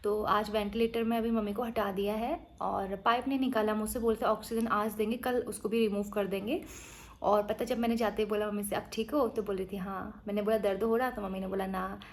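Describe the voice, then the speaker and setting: A woman's voice: mid-range voice, fairly even intonation, a little fast. A woman narrating her day in a chatty, teasing way, sounding tired. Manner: chatty, teasing, storytelling with quoted asides. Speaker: vlogger. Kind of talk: casual vlog narration.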